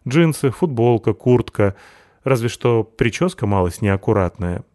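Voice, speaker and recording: Brief: male audiobook narrator, mid-pitched voice, dry close recording. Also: animated, unhurried, mellow, no echo. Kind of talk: first-person audiobook narration.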